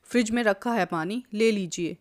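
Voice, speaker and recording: Woman doing a meek young wife, soft-spoken, storybook figure. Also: mid-range voice, moderate pace, no echo, studio quality, natural voice. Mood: defiant. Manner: meek, pleading. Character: timid young wife, tearful then defiant.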